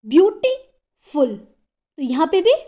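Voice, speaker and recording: A woman teaching an English grammar lesson, explaining patiently and sounding out example words slowly, syllable by syllable, and often checking in with the listener. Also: high voice, animated, mellow. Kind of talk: classroom-style grammar lesson.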